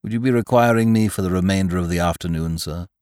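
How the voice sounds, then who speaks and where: A man doing a hushed, deferential valet. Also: quick pace, clean tone, dry recording, clean studio sound, natural voice. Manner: hushed, low, very formal. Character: quiet, deferential male valet.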